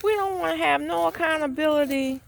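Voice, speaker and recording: A woman's voice: high voice, fairly quick, creaky. A woman talking to the camera outdoors in a yard, earnest and exasperated, with a preachy tone and frequent restarts. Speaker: vlogger. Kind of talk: spoken outdoor vlog monologue. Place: outdoors in a rural yard or garden.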